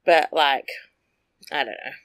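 A woman's voice: low voice, unhurried, fairly bright tone. A woman chatting casually about celebrity gossip, bluntly, with lots of "like" fillers.

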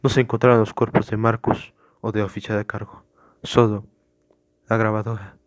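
A man hosting a podcast, reading his own horror story aloud with casual, hesitant asides between measured narration. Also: on the low side, level tone, dry recording, studio quality.

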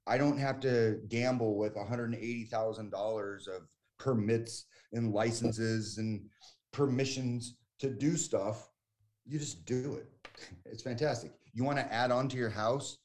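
An American man in his forties speaks as a guest in a casual conversation, chatty and emphatic, frequently restarting his sentences. His voice is medium-pitched with a darkish tone.

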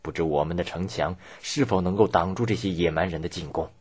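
A man's voice: low voice, fairly quick, a little mellow, slightly rough. A man narrator voicing an anxious townsperson who fears an invading army, speaking in uneasy, dramatic murmurs. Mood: anxious, fearful.

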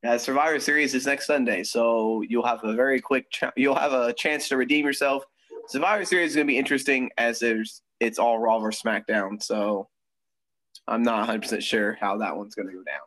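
A man's voice: mid-range voice, fairly even intonation, fairly quick, fairly bright tone, no echo, low-quality recording. A young man co-hosting a podcast in casual chat, talking easily with frequent ums and laughs. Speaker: podcast co-host. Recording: dry close sound.

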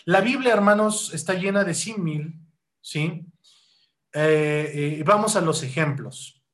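High-pitched guy preaching, keeps asking the brothers questions, gets loud then slows way down to explain. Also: expressive. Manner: rhetorical questions, keeps calling hearers "hermanos"; loud rising bursts, slow deliberate stretches when defining. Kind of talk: sermon teaching.

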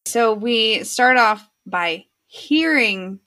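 A woman's voice: on the high side, lively intonation, extremely slow, bright, forceful tone. A woman co-hosting a podcast, chatting casually and laughing often in an easygoing way. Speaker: podcast co-host. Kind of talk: casual chat about a TV episode.

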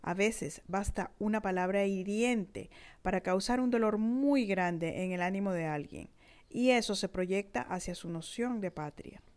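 A woman narrating a scripted, reflective text in a measured, thoughtful way. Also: medium pitch, a little mellow. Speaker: narrator reading her own reflective text.

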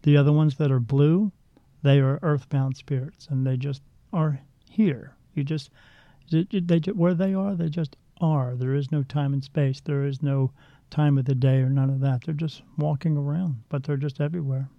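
Gravelly man with a dull lo-fi sound. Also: a little high, steady tone, normal speed, no room sound. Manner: blunt, rambling, with frequent restarts. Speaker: psychic medium. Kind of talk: casual storytelling interview.

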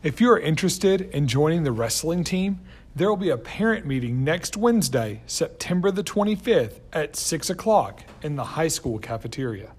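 A man reading out a school's morning announcements in an upbeat, clear, scripted way. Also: on the high side, big pitch swings, moderate pace, darkish tone.

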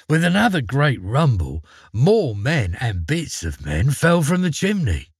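A man narrating a fairy tale in an expressive, dramatic way. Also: mid-range voice, husky, dry recording, clean studio sound. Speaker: storyteller.

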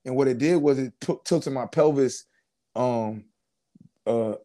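A man's voice: mid-range voice, unhurried. A man in his twenties, a former pro football player, telling his story in a casual interview with slang and lots of fillers. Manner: relaxed, casual slang, many fillers and restarts.

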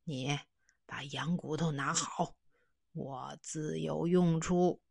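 A woman voicing a gentle, reassuring thin old man in a children's story. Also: low-pitched, fairly even intonation, slow pace, vocal fry, husky, no echo, clean studio sound, exaggerated voice. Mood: kindly. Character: kindly thin old man in a tall hat.

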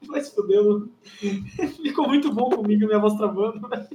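Dude on a glitchy call, voice jumping around, echoey line w faint hiss. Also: male voice, normal speed, warm tone. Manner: laid-back, slangy banter. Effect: glitchy online call audio with jumping pitch. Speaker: podcast co-host. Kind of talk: casual chat.

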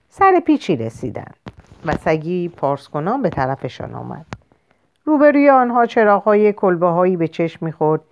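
A woman narrating a short story in a measured, expressive audiobook reading. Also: low-pitched. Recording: lo-fi muffled recording.

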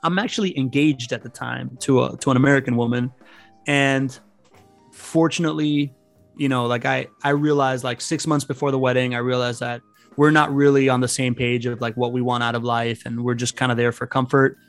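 This man in his thirties speaks at medium pitch with fairly even intonation and a slightly fast pace during a casual interview. Raised outside Venezuela by a Venezuelan family, he tells rambling stories with lots of restarts while faint music plays.

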